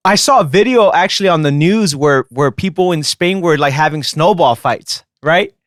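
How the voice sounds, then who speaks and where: A man's voice: fairly high pitch, animated, normal speed, fairly bright tone, dry recording, studio quality. A man hosting an interview podcast, asking simple questions and giving short encouraging replies. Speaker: podcast host. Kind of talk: casual interview.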